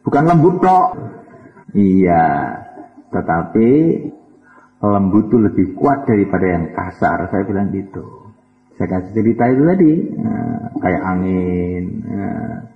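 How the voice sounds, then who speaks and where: A man giving a folksy Islamic sermon, asking his listeners rhetorical questions and chanting Arabic verse slowly. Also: low voice. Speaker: preacher. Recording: echoey hall, dull lo-fi sound.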